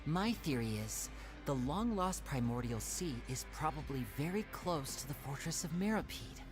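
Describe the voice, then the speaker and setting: An actor gives a composed, clever young stage magician in an anime game a medium-pitched, animated voice at normal speed, lightly acted. The character, a protective brother, sounds articulate, analytical and thoughtful, with game music behind him.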